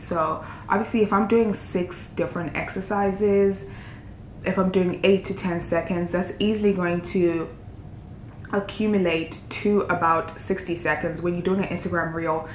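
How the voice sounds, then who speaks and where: In a laid-back screen-recording tutorial, a young woman who makes fitness content talks through her video edits at a normal speed, chatting and thinking out loud. The indoor voice-over has a roomy quality and a faint low rumble.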